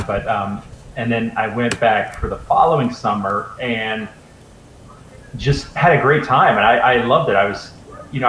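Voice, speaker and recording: A man's voice: on the low side, fairly bright tone, echoey room, a little hiss or hum, rough recording. A man in his forties from North Carolina, a guest telling stories in a casual interview, easygoing with lots of fillers. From Raleigh, North Carolina. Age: 40s. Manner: easygoing storyteller, frequent fillers. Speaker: interview guest, video creator.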